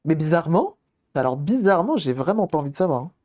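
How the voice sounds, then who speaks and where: A man's voice: fairly high pitch, big pitch swings, fast talker, a little mellow. A man casually commenting on a live stream while repairing a game console, thinking aloud and greeting viewers as they arrive.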